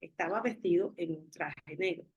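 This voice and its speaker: A woman's voice: fairly low pitch, normal speed, a little mellow, husky, muffled recording. A woman teacher explains English grammar in a video-call class, switching between Spanish and English and working patiently through one example after another.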